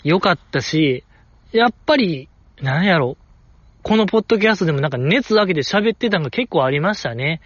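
A man's voice: fairly high pitch, fairly bright tone, dry recording, highs cut off. A young man with a Kansai accent, chatting enthusiastically as a podcast host. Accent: Kansai Japanese. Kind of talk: casual fan podcast chat.

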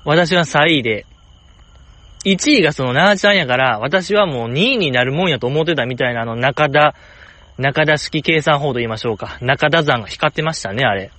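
A man with a Kansai accent chatting alone in a rambling, jokey way, jumping up in pitch to stress a point. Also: expressive, moderate pace, bright, forceful tone, dry recording. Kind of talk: casual solo chat.

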